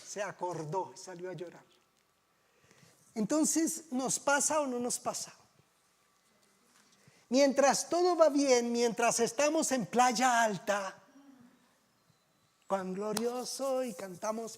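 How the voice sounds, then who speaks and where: A man's voice: extremely high pitch, animated, takes it slowly, long pauses. A man preaching a sermon as a pastor, telling stories in a conversational way and asking rhetorical questions.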